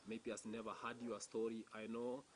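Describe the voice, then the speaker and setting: A man hosting a testimony interview show, asking questions haltingly with many pauses and fillers and offering encouragement. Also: fairly low pitch, level tone, rough recording. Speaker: interview host. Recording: faint background noise.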